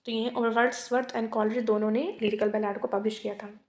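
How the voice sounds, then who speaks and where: A female teacher goes through multiple-choice exam questions, reading each slowly in English before giving brisk explanations in Hindi. Her voice is fairly high and flat, with little rise and fall. The room adds a noticeable echo to this exam quiz lesson.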